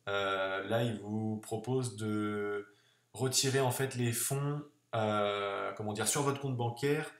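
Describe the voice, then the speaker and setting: A man's voice: fairly low pitch, slow. A man hosting a casual screen-recorded tutorial, talking it through in a chatty way, with many fillers and restarts. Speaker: online tutorial host. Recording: echoey room.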